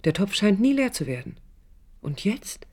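In this 1980s East German radio drama, an actress voices the lead and first-person narrator, an idealistic young architect who is reflective yet stubborn and defiant. Her medium-pitched voice is mellow and husky, swinging widely in pitch at a normal pace. The introspective monologue comes across as reflective and determined, delivered intimately, thoughtfully and earnestly, sometimes sinking to a near whisper.

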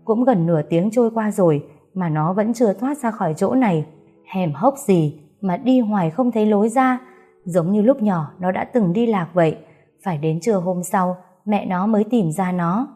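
A woman narrating an audiobook story in a steady, even manner. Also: mid-range voice, normal speed, soft background music.

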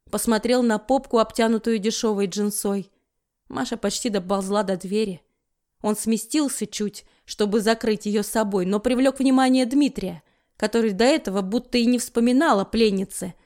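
A woman narrating an audiobook in an expressive, dramatic reading. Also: medium pitch.

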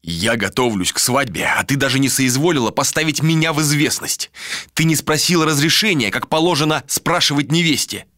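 A man's voice: fairly high pitch, animated, brisk, pushed and bright, no echo, studio quality, pitched above the performer's own voice. A man voicing a possessive, unhinged nobleman in an audiobook, with a commanding, menacing delivery. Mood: furious. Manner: commanding, then obsessive and menacing. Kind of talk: audiobook character voice.

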